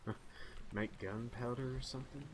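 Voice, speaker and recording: A man's voice: mid-range voice, steady tone, moderate pace. A man streaming a video game, chatting casually and reading quest text aloud in a laid-back way. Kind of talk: casual gameplay commentary. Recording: game music loud behind voice.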